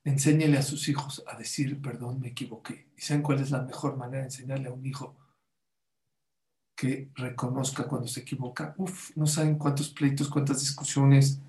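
In a reverberant setting, a man with a medium-pitched, darkish voice teaches religion in sermon style. He quotes Hebrew sources and throws rhetorical questions at those listening.

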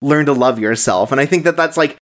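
A podcast co-host of middling pitch talks casually about anime in a loose, rambling way. The speech is full of filler words and breaks easily into laughter. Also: a little fast. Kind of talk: casual chat.

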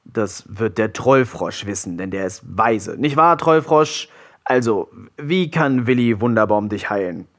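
A scheming pirate captain from a storybook talks in a hushed, lowish voice, calm and offhand, played by a man. He sounds unbothered and a little coaxing. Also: measured pace. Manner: soft, low-key and offhand.

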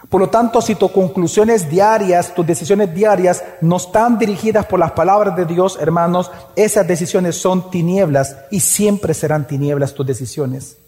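A man with a high, mellow voice preaches from the front of a church, pausing on rhetorical questions and drawing out his key words. His voice rings with a long reverb off the hall walls. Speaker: pastor. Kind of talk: sermon.

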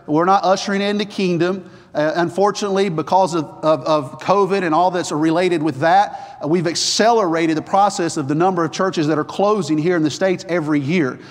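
Male chapel preacher, Appalachian twang of the hillbilly kind, high-pitched, driven and exhorting, recorded in an echoing hall. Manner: energetic, fast talker; earnest, exhorting. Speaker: preacher at a Bible college chapel. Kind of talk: sermon with announcements and scripture reading. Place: large chapel, preaching to students. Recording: echoey hall with long reverb.

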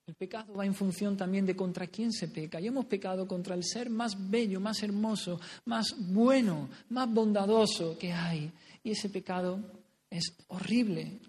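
A man's voice: high-pitched, moderate pace, darkish tone, husky. A man from preaching a sermon in a fervent, pleading way, full of exclamations. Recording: long hall reverb.

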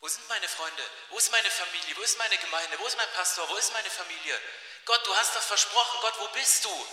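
A man's voice: high-pitched, fairly quick, sharp tone. A preacher voicing a young biblical man who has been abandoned and keeps asking bewildered questions. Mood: despairing. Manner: pleading, questioning, disbelieving. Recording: echoey hall.

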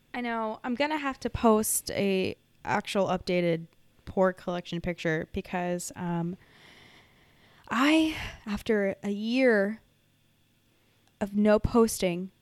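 Female podcast co-host, mid-pitched, sarcastic, animated, dry close mic. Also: no echo. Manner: sarcastic, animated, slips into a hyped announcer voice when reading. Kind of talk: casual chat. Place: home podcast setup.

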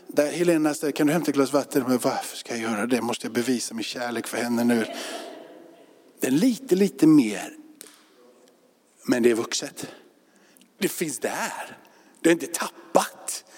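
A man's voice: sits high, a little mellow. A male pastor giving a sermon in an informal, conversational way, with loose fillers and repeated words. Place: church sanctuary. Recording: reverberant church hall.

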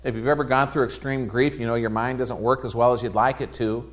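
A man preaching a sermon in a church, telling a story conversationally with lively quoted voices. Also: medium pitch, brisk. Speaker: pastor. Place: church sanctuary.

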